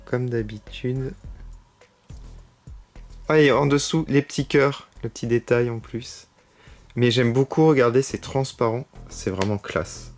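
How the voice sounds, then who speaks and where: A man with a French accent chatting his way through an unboxing, excited and full of little fillers. His voice sits at an ordinary middle pitch. Faint music plays quietly underneath. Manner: enthusiastic, chatty, lots of fillers. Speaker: YouTube collector unboxing figurines. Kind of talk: casual unboxing vlog.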